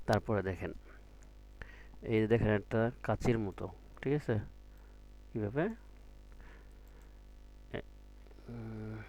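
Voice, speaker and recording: A man's voice: lowish voice, darkish tone. A man teaching Arabic letters in an online Quran reading class, asking students questions and stretching out each letter sound. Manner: patient, drills with repeated questions to students; drawn-out letter sounds when demonstrating.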